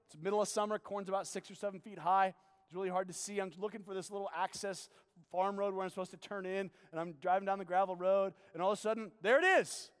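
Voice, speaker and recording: A man preaching a sermon, telling a story with animated energy and then asking quiet, earnest questions. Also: high voice, fast, clear, resonant tone. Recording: long hall reverb.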